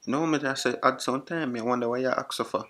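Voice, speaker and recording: A man's voice: medium pitch, fairly quick, pushed and bright, voice pushed up, natural voice. A man putting on a heavy Jamaican accent as a brash young guy, teasing strangers bluntly and repeating his questions. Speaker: vlogger chatting with strangers on a voice app. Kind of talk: put-on accent prank chat.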